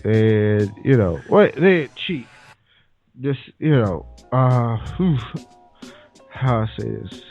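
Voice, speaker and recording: A man's voice: medium pitch, animated, takes it slowly, vocal fry, darkish tone. A man hosting a casual chat, recapping events in a laid-back storytelling way. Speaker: podcast host. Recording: muffled lo-fi with faint music.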